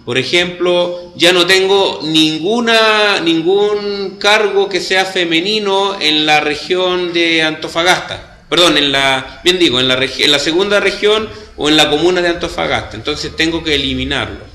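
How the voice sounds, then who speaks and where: A man's voice: on the high side, normal speed, few pauses, pushed and bright. A man with a Chilean Spanish accent teaching a computer class, explaining step by step and checking that his students follow. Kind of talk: classroom lesson. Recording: echoey classroom.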